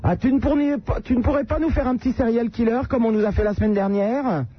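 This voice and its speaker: A man's voice: extremely high pitch, fast, husky, dull audio. A male radio host bantering with callers on a late-night call-in show, teasing and provocative.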